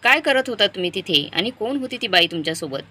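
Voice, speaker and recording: A woman's voice: medium pitch, expressive, quick pace, bright, forceful tone. A woman voicing an upset middle-aged wife and mother who pleads with and confronts her husband. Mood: upset pleading.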